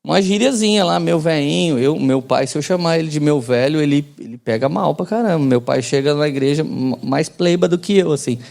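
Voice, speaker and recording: A man's voice: on the high side, expressive, a little fast, vocal fry, hardly any pauses, a little mellow. A man in his forties preaching a sermon as pastor, in a casual joking manner with slang and call-and-response to the congregation.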